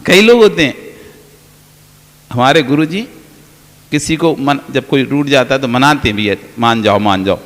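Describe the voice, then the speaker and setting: In a hall with a long reverb, a man who is a Jain monk preaches in a mid-range voice, speaking a little slowly with long pauses. His sermon features everyday stories, playful quoted dialogue, and the odd laugh.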